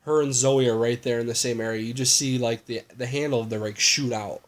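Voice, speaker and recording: A man's voice: mid-range voice, steady tone, brisk. A man co-hosting a loose, chatty movie recap. He rambles, leans on fillers and throws in crude jokes as he goes. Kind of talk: casual chat.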